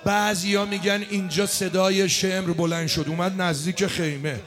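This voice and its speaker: A man leading a mourning gathering, speaking and chanting a lament with great passion, at times shouting, at times drawing words out in a slow wail. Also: high-pitched, steady tone, faint music behind. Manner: impassioned, moves between speech, shouting and slow wailing chant. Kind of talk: Shia mourning recitation, spoken and chanted. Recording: crowd of mourners audible behind.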